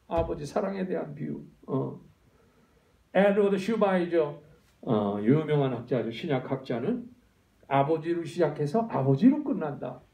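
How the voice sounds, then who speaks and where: A man's voice: a little high, a little mellow. A male pastor preaching a sermon, often asking the congregation questions and drawing answers back. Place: church sanctuary. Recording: echoey church hall, voice from far.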